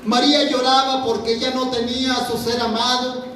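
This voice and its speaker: A man's voice: very high-pitched, level tone, moderate pace, pushed and bright, a little hiss or hum. A man preaching a fervent sermon to a congregation, repeating his phrases as he addresses them. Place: church. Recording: very echoey hall, mic from far off.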